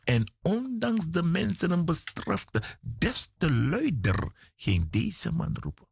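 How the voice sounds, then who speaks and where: Gravelly, slow preacher. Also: male voice, very animated, no room sound, studio quality. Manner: dramatic preaching with big swings in pitch; slow and emphatic, repeating phrases. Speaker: guest preacher. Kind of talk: radio sermon.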